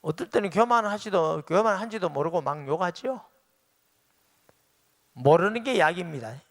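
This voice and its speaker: A man's voice: sits high, lively intonation, normal speed. A middle-aged man, preaching a sermon as pastor and acting out quoted dialogue with rising emphasis.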